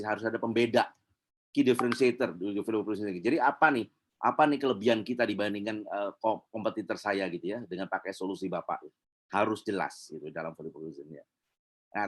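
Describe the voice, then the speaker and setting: A middle-aged man, teaching a sales seminar in a chatty lecturing manner with many fillers. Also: fairly low pitch. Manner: chatty, many fillers, acts out customer quotes. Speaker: sales trainer.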